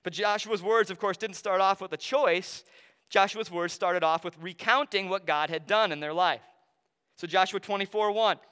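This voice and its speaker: A man preaching a sermon, talking conversationally and slowing down to stress key phrases. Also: sits high, bright, forceful tone, clean tone. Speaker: pastor. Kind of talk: sermon with Bible reading and personal story. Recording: long reverb of a large hall.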